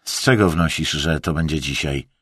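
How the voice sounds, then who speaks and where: A man voicing a curt, gruff male expedition leader who talks in clipped, sharp phrases. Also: rumbling low, moderate pace, no echo, clean studio sound, heavily acted.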